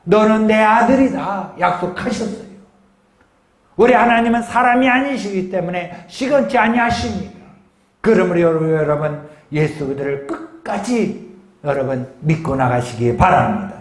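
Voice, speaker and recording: A man's voice: high voice, animated, normal speed, reverberant. A man pastor preaching a sermon with emphasis, often asking the congregation questions.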